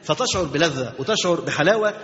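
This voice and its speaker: An expressive, fast-talking religious teacher with a fairly high, slightly bright voice gives an Islamic lesson in an Egyptian Arabic accent. He repeats key phrases and throws rhetorical questions at his listeners. The recording is dull and lo-fi, set in a reverberant hall.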